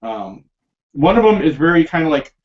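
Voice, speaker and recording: Rambling higher-voiced man on a podcast. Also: very animated, normal speed. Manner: rambling, many fillers and restarts, laughs often. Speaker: podcast host. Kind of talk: casual film discussion. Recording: dull lo-fi podcast recording.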